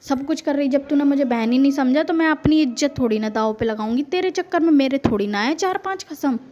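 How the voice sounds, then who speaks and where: Woman, vlogger, heated confrontational rant, high voice, talks straight to viewers. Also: fairly quick, dark tone, highs cut off. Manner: heated, confrontational, repeats "theek hai". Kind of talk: angry vlog rant to camera.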